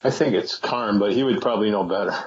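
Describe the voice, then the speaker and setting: A man's voice: fairly low pitch, quick pace, slightly rough. A man appearing as a podcast guest, speaking tentatively and speculatively, with many hesitations and restarts. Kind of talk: casual podcast interview. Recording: dull lo-fi remote audio.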